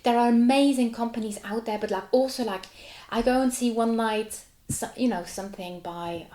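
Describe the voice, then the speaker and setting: A German-speaking woman from Switzerland in her forties, working as a contemporary dancer, chats with animation in a casual interview, laughing often and leaning on "like." Her voice is a little high and mellow, at a moderate pace, with a reverberant sound.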